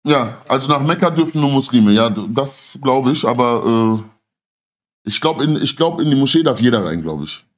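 A man's voice: mid-range voice, lively intonation, moderate pace. A middle-aged man hosting a livestream, telling stories in casual street slang with insistent, emphatic repetition. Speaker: livestream host. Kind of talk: casual chat and animated storytelling. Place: small dim indoor studio.

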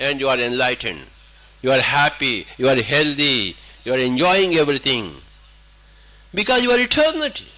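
An older man delivers a spiritual discourse in a high, lively voice that swoops up and down. He hammers points home through repetition and rhetorical questions. His tone is bright and forceful. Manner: emphatic, repetitive, rhetorical questions, mixing in English and Hindi. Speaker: spiritual teacher.

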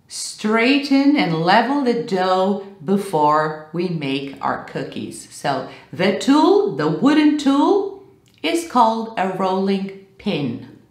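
A woman in her thirties teaching an English vocabulary lesson on camera, animated and gesturing as she explains. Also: mid-range voice, reverberant. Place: small room with bookshelves, indoors.

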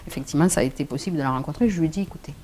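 A middle-aged woman with a French accent, telling her own story in an interview, hesitant with many restarts and quick laughs. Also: deep voice, dark tone, a little hiss or hum. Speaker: interview guest.

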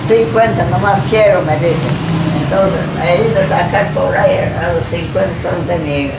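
A woman's voice: lowish voice, moderate pace, gravelly. An older woman, a shopkeeper, telling in a rambling, repetitive way how she was robbed, interviewed in her small shop. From Peru. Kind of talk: interview testimony. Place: small indoor corner shop. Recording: echoey room with loud background noise.

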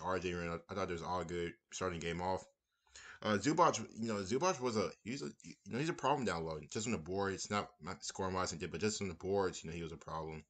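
A young basketball fan with a low, deep voice offers a relaxed post-game reaction, rambling and circling back to the same phrases. He's recorded on a webcam in a small room.

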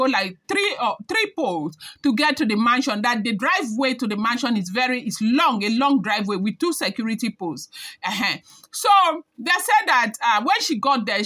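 A young woman talks celebrity gossip straight to camera. Her voice sits a little high and rings bright and forceful. She chats along easily and keeps tacking on reminders that it is all hearsay. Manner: chatty, hedging with repeated disclaimers. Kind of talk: casual gossip commentary to camera.

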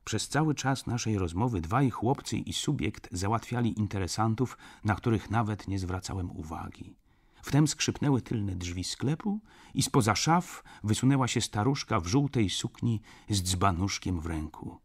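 A man reading a classic novel aloud as an audiobook with expressive narration. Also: lowish voice, moderate pace. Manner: expressive storytelling. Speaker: audiobook reader. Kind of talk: scripted narration.

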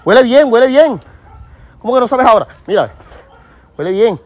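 A man's voice: very high-pitched, animated, normal speed, no room sound. A man, running a street prank and pushing insistently, repeating himself again and again. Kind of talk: hidden-camera street prank.

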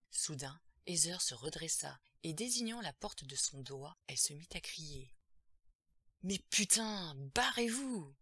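A woman's voice: low-pitched, bright, forceful tone, slightly rough, dry recording. A woman narrating a horror audiobook in a tense, dramatic storytelling manner.

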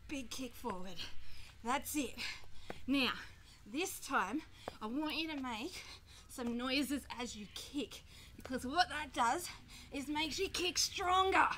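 Woman, barking gym coach, bright forceful voice, encouraging, puffing from exercise, noisy outdoor camera audio. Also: sits high. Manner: energetic, short barked commands. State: exerting, puffing while exercising. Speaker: kids' fitness instructor. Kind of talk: leading a workout, calling out instructions. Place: outdoors in a grassy back yard. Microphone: camera microphone from a few metres away.

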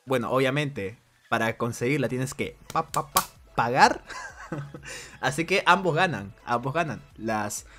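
A man narrates his own gameplay for a game guide, talking through each step in a relaxed, chatty way. His pitch swings widely as he reacts. Soft music plays faintly behind him. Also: measured pace. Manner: thinks aloud while playing, chatty and conversational. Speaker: video game guide creator. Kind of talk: casual gameplay commentary.

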